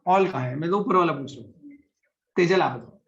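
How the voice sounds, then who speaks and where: A man's voice: on the high side, fairly quick, a bit bright, lo-fi sound. A man teaching a chemistry class online, patiently explaining and calling on students by name, mixing Hindi with English.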